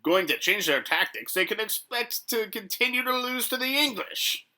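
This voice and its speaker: Man playing a high, bright, combative war pundit. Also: lively intonation, normal speed, heavily acted. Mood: scornful. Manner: emphatic, argumentative. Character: combative male medieval war pundit, scornful and argumentative. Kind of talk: mock news debate.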